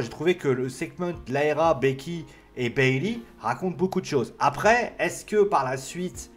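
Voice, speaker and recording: A man giving a casual, rambling solo review of a wrestling show, full of fillers and restarts. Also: a little high.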